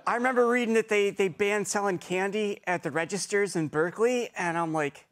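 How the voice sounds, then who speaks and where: A man's voice: high-pitched, a little fast. A man on a comedy talk panel, jokey and laid-back.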